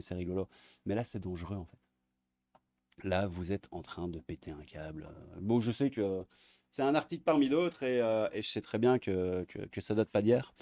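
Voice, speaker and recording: A man's voice: medium pitch, darkish tone, no echo, studio quality. A man giving sarcastic, crude commentary while reading articles aloud, often muttering asides under his breath. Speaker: online video commentator.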